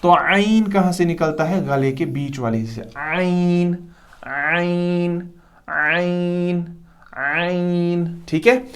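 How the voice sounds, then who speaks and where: A man teaching pronunciation in a recorded lesson, who repeats each letter slowly and keeps checking that the listener understands. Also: a little high. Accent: Urdu-Hindi speaker. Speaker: Quran recitation teacher.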